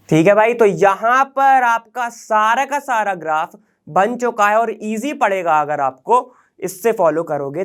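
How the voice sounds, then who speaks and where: A man teaching a chemistry lecture for exam prep. He talks casually, mixes in English science terms, and keeps asking rhetorical questions and checking that students follow. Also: sits high. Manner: conversational, peppers with rhetorical questions and "okay?" checks.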